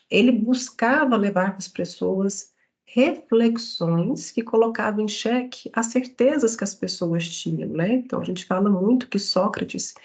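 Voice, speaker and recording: A woman's voice: medium pitch, a little mellow. A woman giving a psychology study-group lecture in an explanatory way, often checking in with tag questions.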